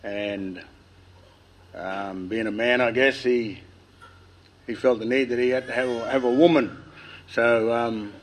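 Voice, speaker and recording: A man with an Australian accent and a lisp tells family history informally to listeners, nervous and halting, with a dry mouth. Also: mid-range voice, fairly even intonation. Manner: nervous, halting delivery with long pauses. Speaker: speaker telling family history. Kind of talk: informal public speech, oral storytelling.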